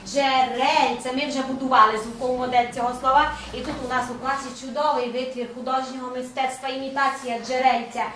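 A woman's voice: high-pitched, level tone, quick pace, few pauses, fairly bright tone. A middle-aged woman teaching an open primary school lesson, patient and coaxing with her pupils. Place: large echoey classroom. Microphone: distant camera mic. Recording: echoey classroom from far off. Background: faint room noise.

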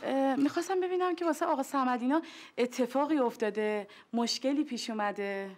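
A woman playing a polite visitor who hesitantly brings news. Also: high voice. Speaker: visiting guest. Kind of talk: TV sitcom acting.

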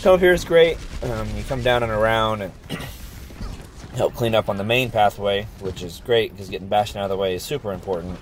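A man's voice: on the low side, moderate pace, a little hiss or hum. Sick-sounding man reviewing gameplay. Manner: easygoing, upbeat, many ums. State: sick, voice worn. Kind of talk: casual gameplay commentary.

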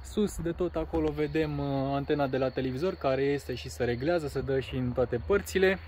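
A man's voice: mid-range voice, darkish tone, slight background noise. A Romanian man casually showing his caravan outdoors, talking plainly with a few fillers while filming on a phone. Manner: plain, matter-of-fact, pauses with fillers. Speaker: caravan seller. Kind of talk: casual walkaround presentation. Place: outdoors on a grassy lot beside a caravan. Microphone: phone camera held by the speaker.

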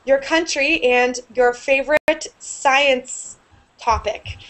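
A young woman teaching an online English class over a video call with earbuds, explaining clearly and upbeat. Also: sits high, fairly even intonation, slow, fairly bright tone. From United States. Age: young adult. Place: small room indoors. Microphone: earbud headset on a video call.

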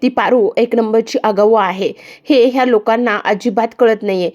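A woman's voice: a little high, steady tone, moderate pace, darkish tone, dull audio, close to an everyday voice. A snobbish young woman argues insistently and looks down on a servant, voiced by a woman narrating a serial recap. She pleads with contempt in every line. The reading is plain and close to the narrator's own voice. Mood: scornful pleading. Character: haughty young woman scornful of a maid.

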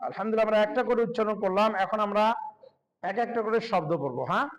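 A man teaching Quran reading, spelling out letters and vowel marks, then chanting the words in long drawn-out tones. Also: sits high, lo-fi sound. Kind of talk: spelling-and-recitation lesson.

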